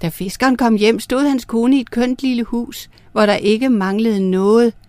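A woman narrating star myths and a fairy tale for children, reading in a clear, gentle way. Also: fairly high pitch, steady tone, dry recording. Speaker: storyteller.

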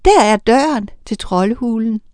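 A woman's voice: on the high side, expressive, darkish tone, dry recording, close to an everyday voice. A scheming witch eyes her victims with brash mockery, as a woman reading the story puts her on. The sound is close and dry. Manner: brash mocking. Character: scheming witch, sister to a troll.

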